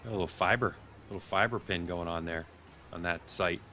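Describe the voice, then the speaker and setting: With a deep, brisk voice and a sharp tone, a man hosts a live sports watch party, calling the action as it unfolds. The recording has noticeable background noise.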